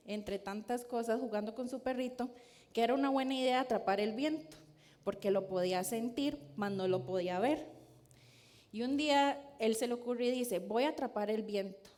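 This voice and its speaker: Woman, preacher, sermon with a story, asks the audience questions, fairly high voice. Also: moderate pace, darkish tone.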